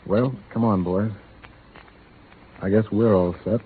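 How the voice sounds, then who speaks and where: An actor playing Steve, a wry, fatalistic cowboy rustler with an easygoing, resigned drawl. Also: male voice, fairly low pitch, steady tone, slow. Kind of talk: 1930s radio acting. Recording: tinny 1930s radio broadcast, faint hiss.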